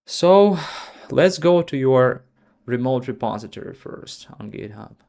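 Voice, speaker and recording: A man with a mid-range voice leads a live coding tutorial. He talks at an unhurried pace and keeps asking his partner questions, then corrects her answers like a patient tutor. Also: medium pitch, animated, gravelly, a little mellow. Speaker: tutor and co-host. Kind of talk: live screen-share tutorial.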